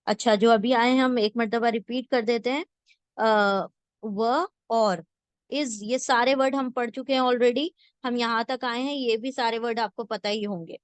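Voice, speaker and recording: A woman teaching a word-by-word scripture translation lesson, slowly and patiently, repeating each word and checking that listeners follow. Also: on the high side, dry recording. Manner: slow patient teaching, repeats words and asks "theek hai?".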